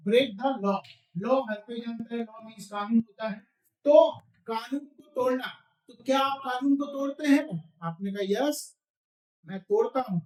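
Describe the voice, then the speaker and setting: A man teaching spoken English, drilling phrases slowly and quizzing the viewer. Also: very high-pitched, reverberant, poor audio.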